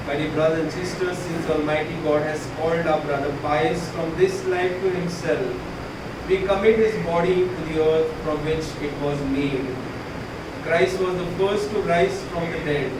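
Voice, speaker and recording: Echoey, distant male priest praying solemnly. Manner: solemn, measured phrasing. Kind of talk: liturgical prayer and scripture reading. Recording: echoey, distant, loud rumbling background noise.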